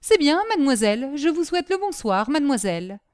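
A woman voicing a haughty, quick-tempered older lady who talks in an imperious, scolding way. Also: high-pitched, very animated, a little mellow, voice pushed up.

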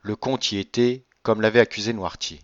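Dry, measured male audiobook narrator. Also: lowish voice, fairly even intonation, no room sound. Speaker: audiobook reader. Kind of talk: scripted narration. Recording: dry, slightly dull recording.

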